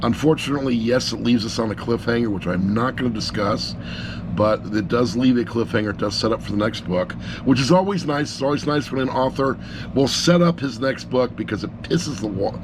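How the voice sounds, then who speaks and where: A middle-aged amateur audiobook reviewer rambles through an unscripted review, blunt and self-deprecating, in a mid-range voice at a slightly fast clip. An action camera resting on a laptop picks him up, with background noise.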